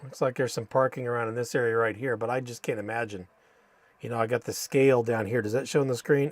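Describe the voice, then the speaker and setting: Male stream host, American, dry close sound, casual halting map commentary, Spanish words in an American accent. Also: medium pitch, dry recording. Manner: halting, thinking aloud. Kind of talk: casual live stream commentary while reading maps.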